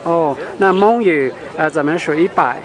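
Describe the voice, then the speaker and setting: A somewhat high-voiced American man asks casual questions in hesitant Mandarin, clearly a foreigner in the language. His sentences are simple and halting, and a busy outdoor crowd surrounds him. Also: low-quality recording. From United States. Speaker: interviewer, visiting traveler. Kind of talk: casual street interview.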